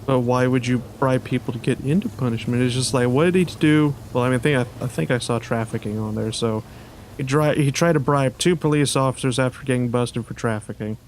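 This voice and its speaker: A man's voice: medium pitch, brisk, darkish tone, a little hiss or hum. A man giving casual, sarcastic gameplay commentary, swearing often and breaking into frustrated outbursts. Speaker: gaming video host.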